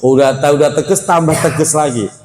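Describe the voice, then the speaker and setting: A man teaching a Quran study lecture in a casual, conversational way, often addressing his listeners as sir, and reading Arabic phrases slowly before explaining them. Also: fairly high pitch, darkish tone, reverberant, soft background music. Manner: conversational, addresses audience as Pak.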